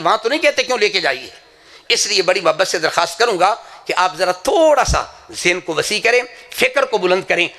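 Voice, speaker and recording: Male preacher, high and bright-toned, with a gravelly edge, impassioned storytelling sermon. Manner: impassioned, storytelling, swears sincerity. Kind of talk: religious sermon with anecdotes. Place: madrasa gathering.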